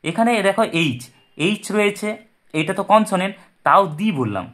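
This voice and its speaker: A man's voice: high voice, very animated, brisk, fairly bright tone. A man teaching an English pronunciation lesson, patient and repetitive, asking questions and answering them himself. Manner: patient, repeats points and asks then answers his own questions. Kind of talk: explaining a lesson. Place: indoors at a desk with paper and pen.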